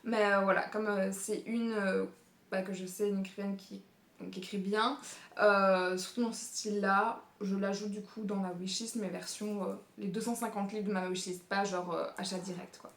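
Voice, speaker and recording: A woman's voice: medium pitch, little pitch movement, moderate pace. A young woman talking casually about new books she plans to read, with lots of fillers and frequent laughter. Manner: chatty, many fillers, laughs often. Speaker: book youtuber. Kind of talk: casual book talk. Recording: echoey room.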